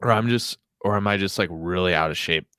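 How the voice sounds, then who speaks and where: A man's voice: deep voice, brisk, pushed and bright, clear, resonant tone, dry recording, clean studio sound. A man hosting a podcast livestream, chatting casually and rambling with many fillers, a bit out of breath. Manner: rambling, filler-heavy, jokey. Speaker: podcast host.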